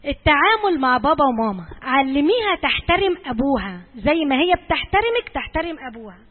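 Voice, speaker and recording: Egyptian woman, church speaker, high and quick, repeats for emphasis, tinny hall recording. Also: sing-song. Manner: earnest, direct, frequently repeats points for emphasis. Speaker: church servant advising mothers. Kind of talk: church talk to mothers.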